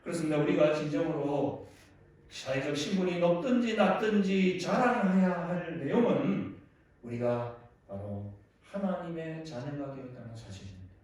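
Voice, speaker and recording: A male pastor preaches with earnest feeling, his voice rising to loud exclamations and dropping to quiet reflection. His voice sits a little high, and it rings through a very echoey sanctuary, captured from a distance. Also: lively intonation, normal speed. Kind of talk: sermon. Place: church sanctuary. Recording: echoey hall, distant mic.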